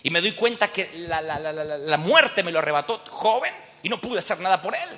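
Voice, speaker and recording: A man's voice: fairly high pitch, animated, brisk, pushed and bright. A man preaching in a reverberant hall who voices a troubled, grieving king, earnest and stumbling over his words.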